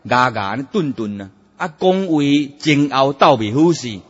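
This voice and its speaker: A man preaching a Buddhist sermon, emphatic and animated, drawing out his sentence-end particles. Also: medium pitch, unhurried, husky. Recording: dull, echoey hall sound.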